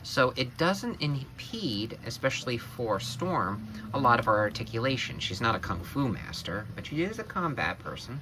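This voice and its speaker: A man hosting a casual action figure review, excitable and exclaiming over every detail he shows. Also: mid-range voice, normal speed, background noise. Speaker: toy reviewer, channel co-host.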